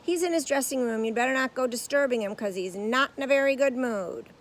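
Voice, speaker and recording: A woman's voice: high voice, fairly quick, slight background noise, pitched above the performer's own voice, lightly acted. A woman voicing a blunt, offhand male stagehand in a storybook. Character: gruff working stagehand man.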